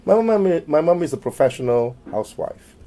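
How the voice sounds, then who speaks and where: This middle-aged Malaysian interviewee in an oral history session has a fairly high, sing-song voice and a moderate pace. He hesitates a lot, with many fillers and restarts, letting his phrases trail off quieter at the end.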